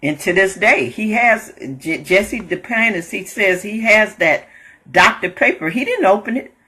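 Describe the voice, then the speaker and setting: Bright lively voice, kinda husky, laughs a lot telling a story, repeats stuff. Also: mid-range voice, unhurried. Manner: laughs often while retelling a story; repeats and restarts phrases. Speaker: host sharing inspirational thoughts. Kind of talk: casual storytelling monologue.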